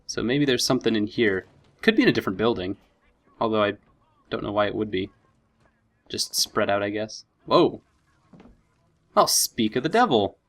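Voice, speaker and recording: A man's voice: fairly low pitch, big pitch swings, fairly quick, long pauses, a bit bright. A man hosting a let's play with casual commentary, thinking aloud and easily impressed. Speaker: gaming video host.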